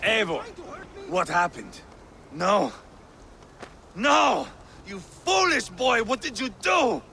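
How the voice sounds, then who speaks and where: A man playing a fierce, vengeful, hot-tempered Viking warrior in a video game, with a gravelly, commanding voice. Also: high-pitched, sing-song, takes it slowly, a little hiss or hum, heavily acted. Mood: frantic, furious. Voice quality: gravelly, forceful. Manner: intense, commanding, theatrical.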